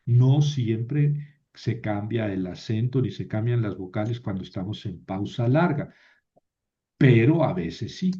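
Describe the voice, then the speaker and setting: A man teaching a language lesson, reading Hebrew aloud slowly and checking in with his students. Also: fairly low pitch, lively intonation, mellow. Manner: reads Hebrew aloud slowly, with many fillers and rhetorical checks. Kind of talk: lecture. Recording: dull lo-fi recording.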